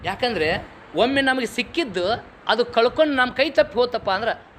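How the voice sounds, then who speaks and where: A middle-aged man speaks with a North Karnataka Kannada accent and a noticeably high pitch. He delivers a moral lecture in a lively, folksy way, firing off rhetorical questions and telling stories from home. A faint hiss of noise sits under his voice. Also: normal speed. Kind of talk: public moral lecture with storytelling.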